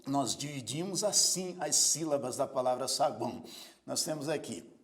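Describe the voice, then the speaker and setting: During a recorded video lesson, a man teaches grammar, spelling words out one syllable at a time and repeatedly prompting his students to observe. His voice is medium-pitched, expressive and slightly bright, at a moderate pace.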